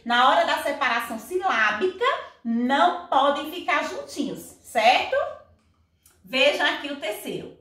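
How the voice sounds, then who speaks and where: A woman teacher takes her class through the material slowly and patiently. Her voice sits high and she keeps asking whether everyone understands. The sound is echoey and comes from some distance away. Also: fairly bright tone. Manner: patient, checks understanding with repeated questions. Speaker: Portuguese teacher. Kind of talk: recorded class lesson.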